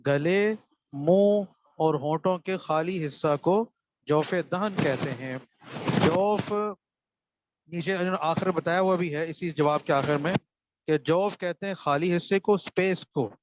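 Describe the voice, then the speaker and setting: A man's voice: fairly high pitch, muffled recording, a little hiss or hum. A man with a Pakistani Urdu accent teaching the rules of Quran recitation in an online class. He patiently repeats each answer and checks that the students follow. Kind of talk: online lesson, reading out questions and explaining.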